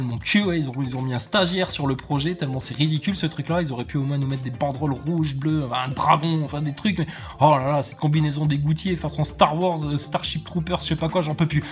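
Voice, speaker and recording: A man delivering a sarcastic, theatrical monologue, mocking as he goes, slipping into voices and laughing often. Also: on the high side. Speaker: vlogger mocking a public figure.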